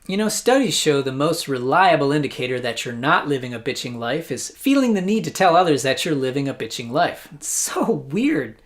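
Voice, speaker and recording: Hosting a satirical news show, an American man with a fairly high-pitched voice performs scripted comedic commentary. He sounds sarcastic and mock-incredulous throughout.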